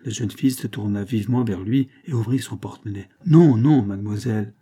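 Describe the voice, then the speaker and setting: Male audiobook narrator, husky and dark, measured classic-novel reading. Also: lowish voice.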